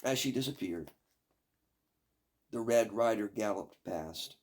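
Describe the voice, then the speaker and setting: An older man with a gravelly, raspy, fairly low voice reads a scripted fairy tale aloud. His storytelling is measured and expressive.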